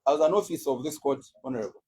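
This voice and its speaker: A man's voice: mid-range voice, darkish tone, husky, poor audio. Man making a formal courtroom submission. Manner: measured, deliberate legal oratory. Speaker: state counsel in court.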